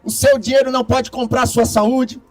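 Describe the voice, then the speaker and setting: A man's voice: extremely high pitch, level tone, normal speed, soft background music. A man doing a solemn royal doctor. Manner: solemn, matter-of-fact. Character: grave royal physician delivering bad news.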